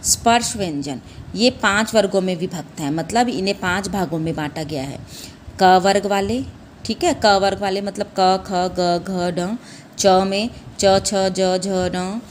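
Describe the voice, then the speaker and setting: Teaching a children's Hindi class, a young woman is patient and repetitive: she keeps saying "ठीक है," addresses pupils as "बेटा" and "बच्चों," asks questions back, and draws out sounds as examples. Her voice is mid-range, with a little hiss or hum in the recording.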